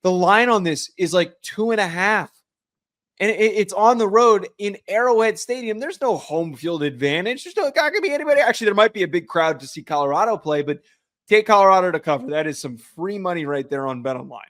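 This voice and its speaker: A man from New Jersey co-hosts a casual sports podcast, breaking down picks with sure, analytical confidence. His voice sits a little high for a man. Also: lively intonation, fairly quick, a bit bright. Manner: analytical, confident betting takes. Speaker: podcast co-host.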